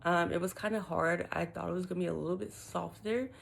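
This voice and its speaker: A woman chatting casually to her vlog viewers in an informal, expressive way, her speech slightly lisped and muffled from wearing retainers. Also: lowish voice, fast, vocal fry, a little hiss or hum. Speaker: lifestyle vlogger.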